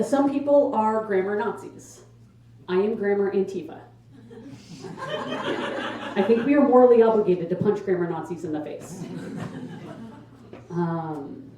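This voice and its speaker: A woman's voice: medium pitch, background noise. A young adult woman performing a stand-up comedy set in a casual, conversational, emphatic way to an audience. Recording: echoey live room, distant microphone. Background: audience laughter.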